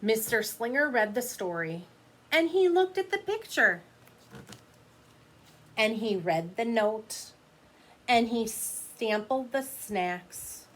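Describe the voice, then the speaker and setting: A woman's voice: on the high side, expressive, takes it slowly, long pauses. A woman teacher reading a picture book aloud to children, expressively, with explanatory asides to her young listeners.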